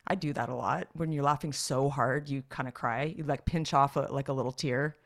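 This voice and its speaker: A woman co-hosting a casual comedy podcast, chatting in an animated way, laughing often and restarting her sentences. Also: extremely low pitch, a little fast, vocal fry. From California. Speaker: podcast co-host.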